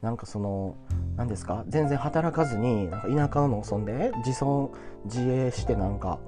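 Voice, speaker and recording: A man's voice: mid-range voice, normal speed, music in the background. A man giving blunt, self-assured career advice in a casual solo talk to viewers, chatty and full of little asides.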